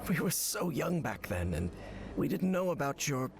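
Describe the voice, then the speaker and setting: A man voicing a gentle, tired wartime codebreaker in a story game, talking softly and sighing to his wife. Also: fairly high pitch, very animated, moderate pace, creaky, crowd noise. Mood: tender. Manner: soft-spoken, tender, sighing. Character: earnest middle-aged male wartime codebreaker, gentle and weary. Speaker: game character.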